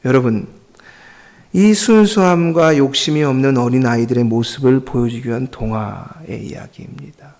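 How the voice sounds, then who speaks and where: A man's voice: medium pitch, moderate pace, vocal fry, darkish tone. A male pastor giving an earnest Sunday sermon and often addressing the congregation directly.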